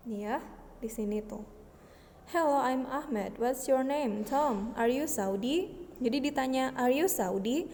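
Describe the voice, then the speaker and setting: A woman with an Indonesian accent teaching an English lesson, explaining slowly and patiently and switching between languages. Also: high-pitched, darkish tone, in a large hall, slight background noise. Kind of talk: bilingual classroom lesson.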